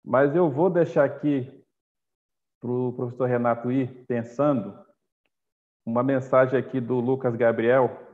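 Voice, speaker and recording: A man moderates a live panel over a video call, his voice thin and phone-like. He speaks at an ordinary pitch and courteously passes the floor from one speaker to the next. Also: steady tone, unhurried. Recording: tinny phone-like line.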